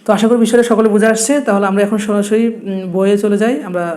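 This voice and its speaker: A man's voice: high-pitched, steady tone, racing, darkish tone. A young man with a Noakhali Bengali accent, teaching a blackboard lesson and patiently repeating each point with rhetorical questions. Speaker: Quran teacher.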